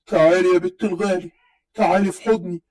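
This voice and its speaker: A man's voice: high-pitched, steady tone, quick pace, a little mellow, pitched below the performer's own voice, poor audio. A woman voicing an elderly patriarch from Upper Egypt who speaks tenderly and also sternly, in an Upper Egyptian accent. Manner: affectionate with his granddaughter, stern with his grandson. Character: elderly male village patriarch, grandfather, regretful but stern.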